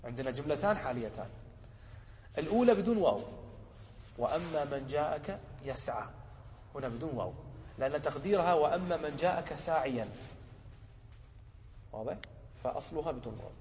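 Male teacher, quick speech, fairly high voice, checks his students understand, long reverb. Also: lively intonation, a little mellow, slight background noise. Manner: asks the class short checking questions; slows down to quote examples. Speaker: sheikh teaching Arabic rhetoric. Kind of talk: lecture explaining a teaching poem.

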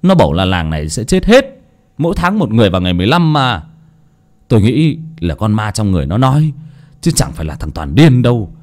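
A superstitious fifty-year-old villager played by a man rattles on in a quick, gossipy way. The voice sits higher than a plain reading voice. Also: sing-song, a little mellow. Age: 50s.

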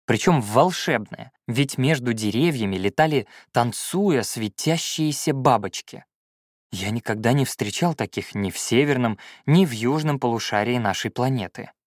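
A male audiobook narrator telling a first-person story with a lively, swooping delivery at a middle pitch. The sound is dry and close, with no room in it. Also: moderate pace, no room sound. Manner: expressive, storytelling.

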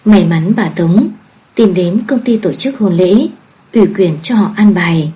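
A woman narrating a novel as an audiobook, calm and measured in her storytelling. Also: on the low side.

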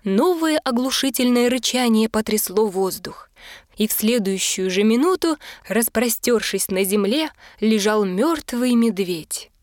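A woman narrating a fairy tale as a storyteller, in a measured, gentle way. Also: fairly high pitch, lively intonation, no room sound, clean studio sound.

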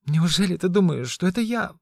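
A man's voice: high-pitched, lively intonation, a little fast, vocal fry, no room sound, clean studio sound, voice pushed up, exaggerated voice. A man voicing a frightened, tearful young pregnant woman who pleads in a trembling voice. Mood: frightened pleading.

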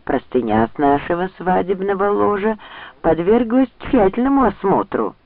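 A man's voice: a little high, big pitch swings, normal speed, no room sound. A man voicing a proud defiant young noblewoman. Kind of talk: audiobook character reading. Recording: dry, tinny phone-like sound.

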